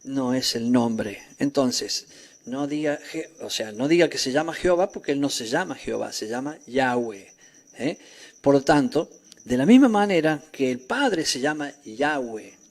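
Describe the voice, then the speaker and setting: A male pastor preaching a sermon in an emphatic way, with rhetorical questions, sometimes rising to near shouts, with crickets chirping behind him. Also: medium pitch, lively intonation, moderate pace.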